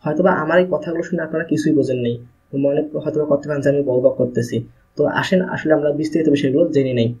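Bangladeshi man teaching a lesson, husky. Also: a little high, very fast, dark tone. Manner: explains step by step, asks and answers his own questions. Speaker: English teacher. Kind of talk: video lesson. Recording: muffled lo-fi recording.

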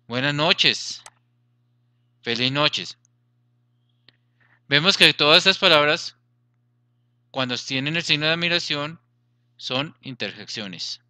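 A man's voice: a little high, lively intonation, slow pace, pauses often, bright, forceful tone, no echo. A man teaching a grammar lesson, explaining patiently, repeating points and checking that students follow.

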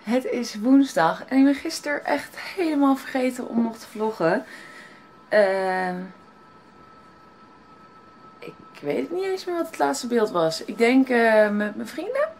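A woman's voice: fairly high pitch, sing-song, a little slow, darkish tone. A young woman with a Netherlands Dutch accent chatting casually to a handheld camera as a vlogger. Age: young adult. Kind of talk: casual vlog chat to camera. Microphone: handheld camera at arm's length. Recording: clear background noise, handheld camera.

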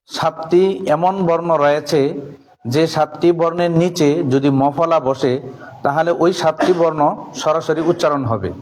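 Male madrasa teacher, high voice, leads chanted classroom drills. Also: a little hiss or hum. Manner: leads call-and-response drills, slow chanted rhymes. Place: classroom with a board.

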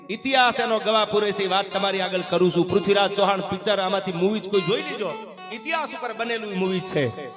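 High-pitched Gujarati male bard reciting heroic praise poetry. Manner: rousing and theatrical, repeating words and phrases for emphasis. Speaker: folk storyteller and singer performing live. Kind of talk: heroic praise poetry and dramatic oral storytelling, with recited couplets. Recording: music playing behind the voice.

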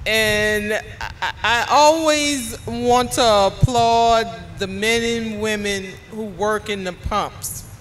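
A woman's voice: a little high, takes it slowly, a little hiss or hum. A woman speaking as a community organizer at a public panel discussion, making an earnest, emphatic case.

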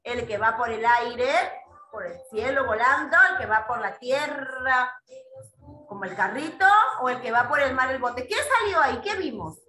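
A woman's voice: a little high, moderate pace, sharp tone, roomy sound. A woman teaching young children in an online class over a video call, patient and coaxing, asking the same questions again and again.

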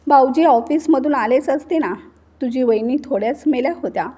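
A woman voicing a spiteful, sharp-tongued sister-in-law who scolds and taunts. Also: sits high, normal speed. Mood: taunting.

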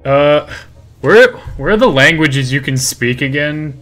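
A man acting as game master in a casual tabletop session. His voice is bright and a little high, with faint music behind it. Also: animated, unhurried.

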